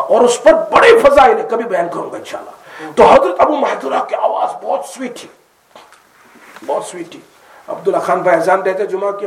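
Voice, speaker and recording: A man with a very high voice delivers an animated sermon. He asks the listeners questions and raises his voice now and then. The sound carries a roomy echo. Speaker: preacher.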